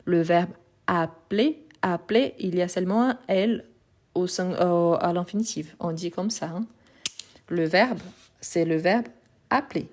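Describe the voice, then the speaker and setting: A woman's voice: on the low side, measured pace, a little mellow. A woman teaching French grammar in a live lesson, patient and methodical, repeating examples step by step, Portuguese her first language.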